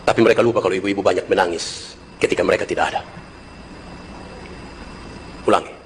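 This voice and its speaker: A man with a Kupang Malay accent preaching a sermon as pastor, joking with the congregation and swinging between loud exclamations and quiet asides. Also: fairly low pitch, a little hiss or hum.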